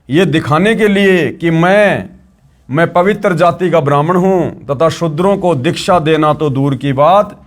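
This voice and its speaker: A man narrates a devotional story and breaks off to preach. He talks earnestly to his brothers and sisters. His voice sits slightly high for a man. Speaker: religious storyteller.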